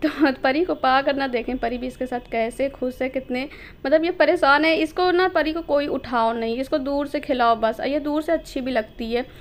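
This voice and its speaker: High-voiced woman narrating a home vlog. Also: normal speed. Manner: chatty, explains to viewers directly. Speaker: vlogger.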